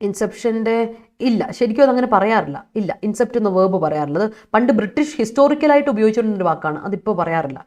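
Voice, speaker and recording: She's an English teacher from Kerala holding a live online vocabulary class, mixing English words into explanations, reading student chat aloud, and laughing a lot in her answers. Her mid-range voice is animated and a little mellow, and she talks at a racing pace.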